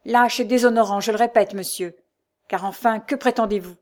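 A woman's voice: mid-range voice, moderate pace, darkish tone, natural voice. A woman voicing a proud old baron in a storybook, raging at his son with vehement, commanding force. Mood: furious.

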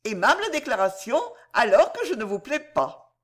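Woman reader doing a teasing young lady, bright and mocking, voice jumping all over. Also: on the high side, sing-song, moderate pace, pitched above the performer's own voice. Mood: playful. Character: witty, teasing young woman, quick to laugh.

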